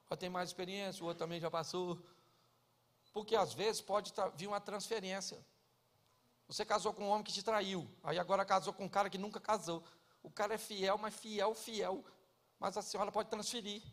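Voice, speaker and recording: A man's voice: high voice, vocal fry, a bit bright, in a large hall. A Brazilian man in his forties, a pastor preaching a humorous sermon and acting out the people he describes. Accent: Brazilian Portuguese. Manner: joking, acts out quoted people in dialogue.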